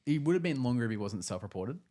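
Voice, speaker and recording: A man's voice: mid-range voice, sing-song, very fast, dark tone. An Australian man co-hosting a podcast with casual sports chat. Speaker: podcast co-host.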